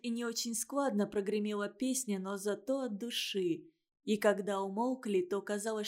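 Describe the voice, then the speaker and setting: Woman, storybook narration, measured, expressive. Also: mid-range voice. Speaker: reader. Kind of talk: storybook reading.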